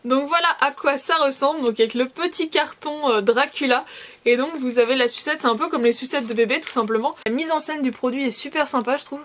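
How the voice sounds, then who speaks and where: Chatty high-voiced woman vlogger. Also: a little fast, slight background noise. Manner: chatty, playful, self-mocking. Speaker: beauty and food vlogger. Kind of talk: casual product tasting vlog.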